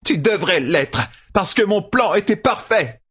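A man voicing a hateful, scheming female sorceress who snarls insults in a raised, husky voice. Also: high-pitched, lively intonation, a little slow, a bit bright, voice pushed up, full character voice. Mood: furious shouting.

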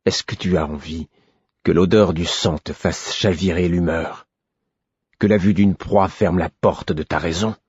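A gruff, bitter stablemaster who has been drinking, as a man puts him on in a storybook reading. His voice is low and husky, brooding with quiet menace before it bursts into roaring anger. The recording is dry and a little dull. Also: fairly even intonation, measured pace, no room sound, heavily acted. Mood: brooding, menacing.

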